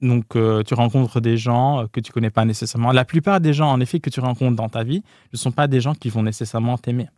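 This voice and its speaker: A man's voice: medium pitch, steady tone, dark tone, no echo. Man with foreign-accented French, very dry sound. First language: not French. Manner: hesitant, pausing and rephrasing often as a second-language speaker. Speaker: podcast guest. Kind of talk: casual, candid interview talk.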